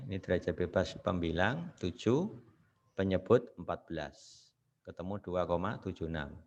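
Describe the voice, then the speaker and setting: A very low-pitched male lecturer works through a statistics problem one step at a time. He keeps checking in with the class through short rhetorical questions. The recording sounds dull and lo-fi. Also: vocal fry. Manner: explains step by step with frequent rhetorical questions and "ya" tags.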